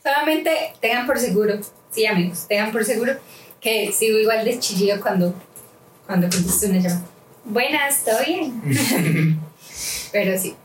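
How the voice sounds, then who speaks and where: A woman co-hosting a podcast in casual chat, telling stories animatedly and acting out quoted voices with big pitch jumps, laughing often. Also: normal speed, pauses often. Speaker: podcast co-host. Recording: echoey room, distant mic, faint noise.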